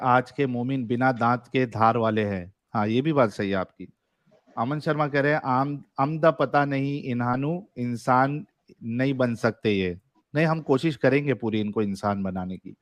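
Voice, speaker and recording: A man's voice: mid-range voice, no room sound. A man hosting a livestream debate show. He reads viewer messages aloud in a casual, joking way and laughs often. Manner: jokey, laughs often while reading comments.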